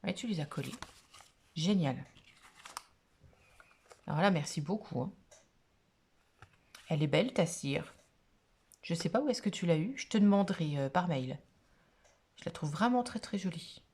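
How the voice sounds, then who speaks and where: A woman's voice: fairly low pitch, lively intonation, normal speed, long pauses, darkish tone. A woman vlogger opening craft mail in a casual chat to camera, gushing and exclamatory, full of little fillers.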